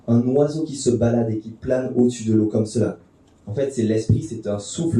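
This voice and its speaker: A man preaches a sermon in a dark, mellow voice, talking through the text in an easy, conversational way with the odd filler and restart. The sound rings around a very echoey church hall, and he stands some distance from the microphone. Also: mid-range voice. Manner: conversational teaching with fillers and restarts, addressing the congregation.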